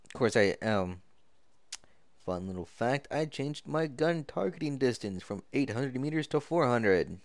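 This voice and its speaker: A man's voice: medium pitch, animated, unhurried, dry recording. Tired man rambling over gameplay. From Florida. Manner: rambling, yawning and apologetic. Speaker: gamer. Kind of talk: casual gameplay commentary. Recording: noisy home recording.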